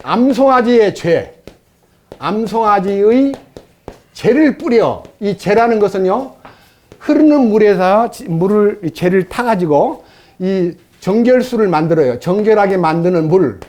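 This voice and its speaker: A male pastor preaching a sermon in an animated way, acting out the voices he quotes. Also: high voice, measured pace.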